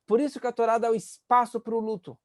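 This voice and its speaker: A man, a rabbi teaching a class on empathy, earnest, and acting out the voices he quotes with sudden rises in pitch. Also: little pitch movement, quick pace, no room sound, studio quality. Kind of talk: spoken lesson on empathy.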